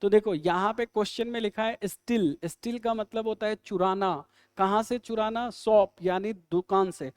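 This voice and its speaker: A man teaching English in a live online exam-prep lesson, quizzing students with quick questions and jokes. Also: high voice, smooth, no room sound, studio quality.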